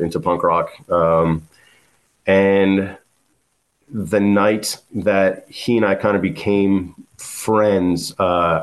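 Deep-voiced man rambling. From South Florida. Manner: rambling, many fillers and restarts. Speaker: guest musician. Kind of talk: casual interview storytelling.

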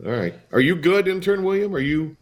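An American man hosts a sports radio show, casual and chatty with a blunt, teasing streak. His voice sits high with big pitch swings and a brisk pace. It's a studio broadcast with faint music behind him.

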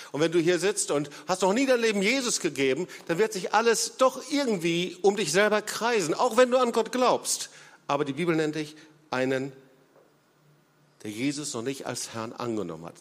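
Emphatic preacher man in a reverberant hall. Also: on the high side. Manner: emphatic preaching with big swings in loudness; frequent hesitation fillers. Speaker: pastor. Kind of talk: sermon.

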